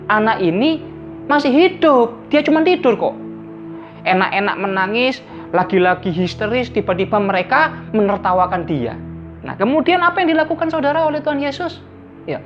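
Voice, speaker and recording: A woman preacher. She preaches, reading verses again and again and acting out scripture scenes in everyday talk. The church recording sounds dull and lo-fi, with faint music behind her. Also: fairly high pitch. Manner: retells scripture in lively everyday dialogue, repeats verses. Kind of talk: sermon. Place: church service.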